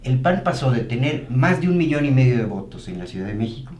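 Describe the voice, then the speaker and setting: A man's voice: mid-range voice, very animated, fast talker, darkish tone. A man on a political panel, telling anecdotes hesitantly with many restarts. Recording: roomy echo with faint noise.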